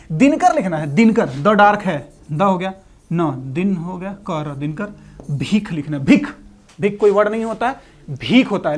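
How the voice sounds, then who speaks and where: A man's voice: high voice, darkish tone. A man teaching a shorthand lesson, breaking words into syllables and repeating them patiently. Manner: patient, explanatory, checks in with "ठीक है". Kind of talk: classroom lesson.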